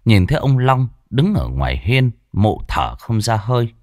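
A man's voice: mid-range voice, sing-song, moderate pace, a little mellow, no echo, clean studio sound. A man narrating a horror story expressively.

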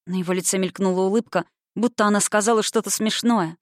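A woman narrating a novel in an even, expressive audiobook reading. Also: mid-range voice, fast talker, dry recording, clean studio sound.

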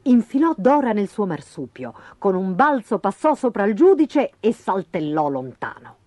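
A woman reading a fairy tale aloud in a lively, expressive storytelling manner. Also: medium pitch, normal speed, no echo. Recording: dull lo-fi with faint music.

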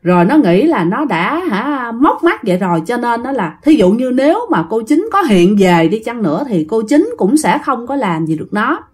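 Female ghost story narrator, Southern Vietnamese accent, a bit high, talks straight to listeners. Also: very animated, normal speed, few pauses, a little mellow, breathy edge. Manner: chatty, addresses listeners directly.

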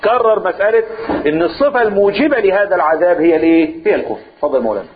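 A man with an Egyptian accent teaching a religious lesson, quizzing listeners with quick rhetorical questions and reciting scripture slowly. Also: high voice, animated, a crowd in the background. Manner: switches between colloquial talk and slow recitation. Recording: tinny phone-like audio.

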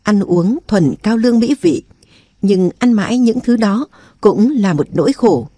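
A woman's voice: medium pitch, dark tone, dry recording, clean studio sound, lightly acted. A woman voicing a young queen who is weary of palace life, speaking in an earnest, confiding way in an audiobook.

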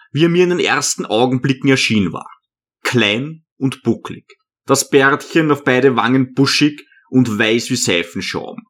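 A man narrating an audiobook as a first-person storyteller, measured and earnest. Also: mid-range voice, fairly bright tone.

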